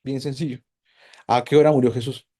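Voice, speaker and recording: A man teaching a Bible class, animated and quizzing his students with lots of questions. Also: mid-range voice, brisk. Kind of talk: casual teaching to a group.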